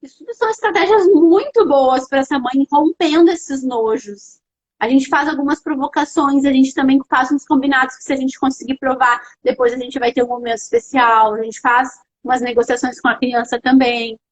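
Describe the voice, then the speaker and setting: High-voiced Brazilian woman giving parenting advice. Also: normal speed, low-quality recording. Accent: Brazilian Portuguese. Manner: animated and explanatory, addresses viewers directly. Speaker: educational psychologist hosting a parenting live stream. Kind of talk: casual live-stream advice talk.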